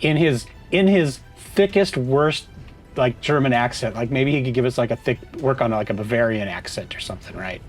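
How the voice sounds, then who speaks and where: A man's voice: medium pitch, moderate pace, faint music behind. A man casually commenting on his own gameplay, chatting to himself as he plays. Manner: chatty, talks to himself while playing. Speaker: gaming streamer.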